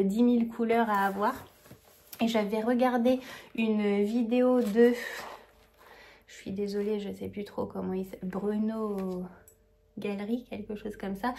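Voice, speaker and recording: A chatty vlogger with a warm, mid-range voice talks casually to the camera. She gushes enthusiastically, hesitating often and filling her speech with fillers and self-corrections.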